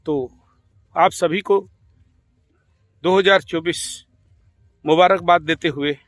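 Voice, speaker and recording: A man giving an informal astrology talk in Hindi-accented speech, rambling and animated, laughing at his own stories. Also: on the high side, takes it slowly, no echo, studio quality, faint music behind. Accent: Indian Hindi.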